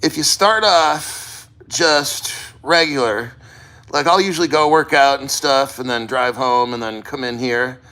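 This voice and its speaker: A man's voice: medium pitch, measured pace, pushed and bright. A man talking casually in a first-person vlog, rambling and plain-spoken with frequent swearing. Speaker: vlogger. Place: sitting in a cold plunge.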